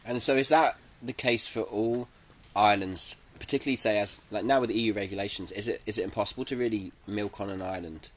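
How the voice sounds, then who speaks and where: A man interviewing a farmer, asking questions in a halting way with repeated words. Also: on the low side. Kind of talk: casual interview. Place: polytunnel on a farm.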